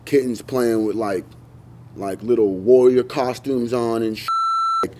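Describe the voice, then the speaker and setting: An actor playing a wary, rambling stoner weed dealer who talks in laid-back slang in a mock street interview. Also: male voice, mid-range voice, steady tone, a little slow, noisy background, close to an everyday voice. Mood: rambling, boastful. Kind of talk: street interview in a comedy sketch.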